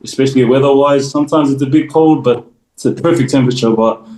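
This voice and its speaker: A man's voice: mid-range voice, fast talker, mellow, echoey room, poor audio. A young man from New Zealand, raised in Australia, answering interview questions at home in an easygoing way, laughing often between sentences. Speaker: guest, volleyball player. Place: room at home.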